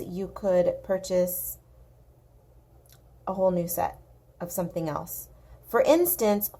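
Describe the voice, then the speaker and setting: A woman with a slight Southern California Valley accent and a dry, slightly gravelly voice with some vocal fry, chatting casually and emphatically as she hosts a coloring tutorial. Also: medium pitch, warm tone. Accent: Southern Californian, slight Valley girl. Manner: informal, emphatic, repeats herself for emphasis. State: dry throat. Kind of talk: casual, chatty craft commentary. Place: indoors at a craft desk. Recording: clear background noise.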